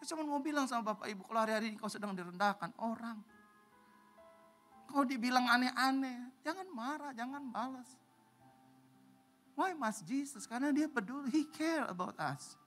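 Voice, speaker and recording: A man preaching a sermon as a pastor, animated and swinging from loud to hushed as he acts out other voices. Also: extremely high pitch, moderate pace, soft background music.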